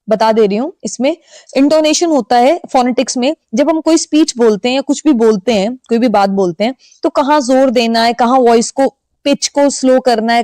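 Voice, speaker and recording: A woman teacher, reading English exam questions slowly and then explaining them quickly in Hindi. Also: fairly high pitch, mellow, no echo. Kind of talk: exam-prep lesson.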